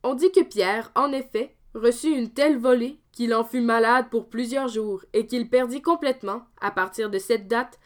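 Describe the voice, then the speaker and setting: A woman reading a folk tale aloud as a storyteller, measured and expressive. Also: fairly high pitch.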